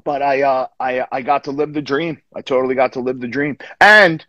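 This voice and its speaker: A man in his fifties with a New York accent talks in a relaxed, rambling way, full of fillers and restarts. His voice comes through a video call with dull, lo-fi sound and a dry, close feel. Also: mid-range voice, a little fast, dry recording. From Long Island, New York. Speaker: guest musician. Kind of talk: casual interview chat. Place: home room, indoors.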